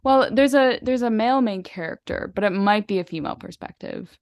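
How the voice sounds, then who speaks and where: A woman's voice: medium pitch, a little fast, a little mellow, no echo, clean studio sound. A woman co-hosting a podcast, chatting casually and enthusiastically about books, rambling with lots of fillers and little laughs. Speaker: podcast co-host. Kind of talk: casual book chat.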